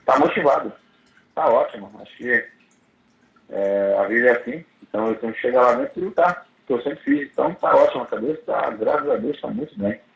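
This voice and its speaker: A man's voice: mid-range voice, gravelly, a bit bright, roomy sound, dull audio. A man with a Brazilian accent talking conversationally on speakerphone during a press call. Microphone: telephone conference call.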